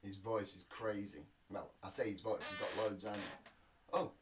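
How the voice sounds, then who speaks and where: A man with a lowish, fairly even voice talks at a moderate pace while hosting a reaction video, sounding slightly sniffly from a cold. His casual commentary rambles along with self-deprecating asides. The mic is distant and picks up faint noise.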